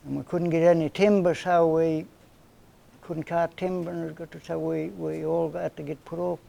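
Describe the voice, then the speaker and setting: This man, in his seventies and from northern New South Wales, speaks with an Australian accent in a slightly high, gravelly voice at a moderate pace. As an interviewee and community elder, he tells rambling life stories in relaxed, plain-spoken casual conversation, peppered with everyday slang. The recording quality is low.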